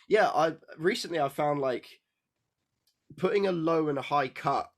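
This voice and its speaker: A man's voice: fairly high pitch, measured pace. A man, a guest on a podcast, talking casually and rambling, with many fillers. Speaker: podcast guest, music composer. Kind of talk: casual chat.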